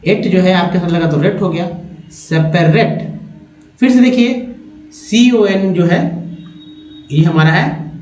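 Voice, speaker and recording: A man with an Indian accent teaching an English spelling lesson, repeating words slowly syllable by syllable. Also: sits high, expressive, darkish tone, echoey room, rough recording.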